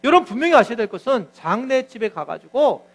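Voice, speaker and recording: High-voiced male pastor preaching. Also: quick pace. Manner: animated storytelling, acts out quotes. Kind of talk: sermon.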